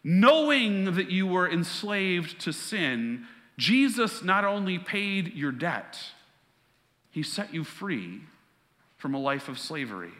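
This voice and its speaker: Man, pastor, sermon, earnest conversational preaching, high voice, echoing sanctuary. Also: very animated, slow pace, sharp tone.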